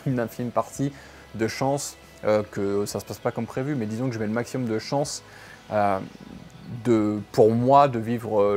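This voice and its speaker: A man's voice: mid-range voice, a little mellow. A man in his thirties from France, an entrepreneur talking straight to the viewer at home in a casual motivational monologue with frequent fillers. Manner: direct, addresses viewer as "tu", many fillers. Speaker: entrepreneur sharing life lessons.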